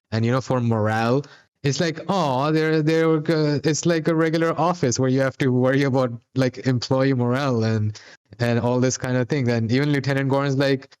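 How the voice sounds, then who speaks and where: A man's voice: mid-range voice, darkish tone, smooth. A man co-hosting a podcast, recapping a TV episode in a rambling, casual chat full of fillers and restarts. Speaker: podcast co-host.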